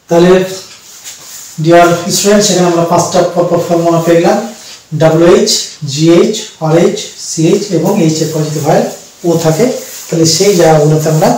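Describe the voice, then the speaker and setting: A Bengali-speaking man teaching English pronunciation to students, explaining slowly with repeated words and fillers. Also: on the high side, a little mellow, far from the mic. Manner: slow, repetitive explaining with fillers. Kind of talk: spoken pronunciation lesson. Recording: very echoey room, voice from the mic.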